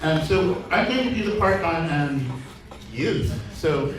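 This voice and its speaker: A man's voice: a little high, lively intonation, slow. A man moderating a community panel in a loose, chatty way with lots of fillers. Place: large community center hall. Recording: echoey hall from far off.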